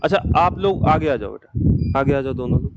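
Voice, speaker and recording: A man's voice: medium pitch, expressive, normal speed, dull audio, very noisy. A man teaching a geography class, speaking patiently and in a fatherly way to students who have just joined. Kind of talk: classroom lecture.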